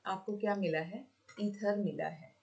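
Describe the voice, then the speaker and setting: A woman's voice: mid-range voice, unhurried, vocal fry, darkish tone, lo-fi sound. A woman teaching a chemistry class, with an Indian accent in her English. She mixes Hindi and English, repeats each question and answers it herself, and talks to her students fondly as children. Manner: switches between Hindi and English. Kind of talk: classroom lecture.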